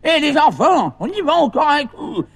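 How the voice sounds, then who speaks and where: An actor playing a cheeky old grandfather on a children's record who keeps shouting greetings and jumbles up his stories. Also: extremely high pitch, sing-song, normal speed, vocal fry, exaggerated voice. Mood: insistent. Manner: repeats himself, shouts greetings, mixes up stories. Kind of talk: children's record comic acting.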